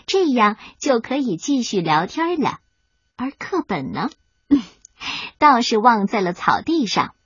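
A woman narrates a children's storybook with a lively, expressive delivery and a breathy, husky voice. Her pitch sits a little high and moves a lot. The recording is dull and lo-fi with faint music underneath. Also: dry recording.

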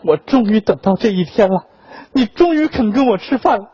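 A man's voice: high-pitched, animated, fairly quick, mellow, slightly rough, no echo, highs cut off, full character voice. A man voicing a tearful, overjoyed young woman who gushes in a raised voice. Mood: gushing.

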